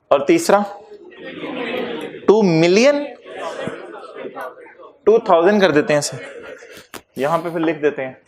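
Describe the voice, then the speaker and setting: Joking man teaching a tax class. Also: a little high. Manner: lively, jokey asides mixing English terms. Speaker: tax lecturer. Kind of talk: classroom lecture.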